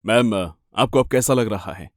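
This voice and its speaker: A man doing a calm, matter-of-fact cop. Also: fairly low pitch, unhurried, dry recording, studio quality, voice pushed down, lightly acted. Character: calm, polite male police officer.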